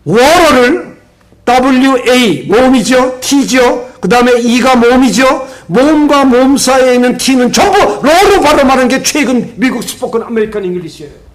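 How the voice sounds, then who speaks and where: An older man preaching a sermon as pastor, telling stories with lively swings between loud emphasis and quiet asides, and leading the congregation in responses. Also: extremely high pitch, moderate pace, slight background noise. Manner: leads the congregation in call-and-response.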